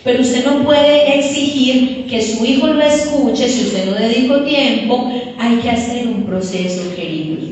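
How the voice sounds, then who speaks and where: A woman delivers a sermon, her fairly high voice carrying through a big echoing hall. She is recorded from a distance, so the long reverb wraps around every phrase. A faint room ambience hangs underneath. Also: unhurried, slight background noise. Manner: addresses listeners as "queridos", animated storytelling. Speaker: preacher. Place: church hall. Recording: echoey hall from far off.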